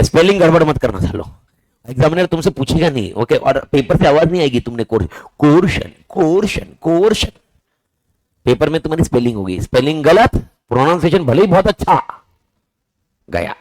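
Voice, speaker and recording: A man teaching a lively lecture, asking his students questions and answering them himself, repeating key words and calling them "boss" and "brother.". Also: on the high side, no echo, low-quality recording.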